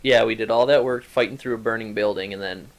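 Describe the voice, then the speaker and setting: A man playing a retro arcade game with a friend, making relaxed, dry wisecracks and chuckling. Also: fairly low pitch, fast. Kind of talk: casual let's-play banter.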